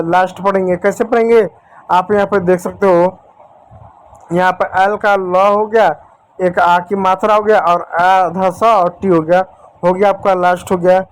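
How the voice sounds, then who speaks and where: High-voiced man teaching step by step. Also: clean tone. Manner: patient, repetitive, addresses viewers as children and friends. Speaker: English teacher. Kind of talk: whiteboard lesson explaining spelling rules.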